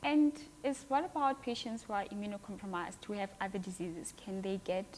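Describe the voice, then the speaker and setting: A woman's voice: medium pitch, steady tone, fairly quick, a little mellow, a little hiss or hum. A woman hosting a studio talk show, asking questions and reacting eagerly.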